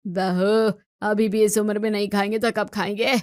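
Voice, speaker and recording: A woman's voice: mid-range voice, level tone, normal speed, darkish tone, dry recording, clean studio sound, close to an everyday voice. A woman voicing a stubborn, greedy diabetic father-in-law in his sixties. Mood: coaxing. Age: 60s. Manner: coaxing, stubborn.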